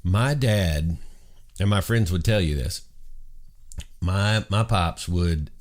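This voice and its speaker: A man's voice: sits low, takes it slowly, darkish tone. A middle-aged man hosting his own show, talking in a casual, heartfelt monologue that rambles and restarts. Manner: rambling, earnest, frequent restarts. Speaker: show host.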